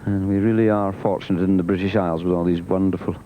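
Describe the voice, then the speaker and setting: A man giving live golf commentary as a golf commentator, measured and conversational, as if thinking aloud. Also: deep voice, fairly even intonation, dark tone. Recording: muffled, noisy 1990s TV broadcast.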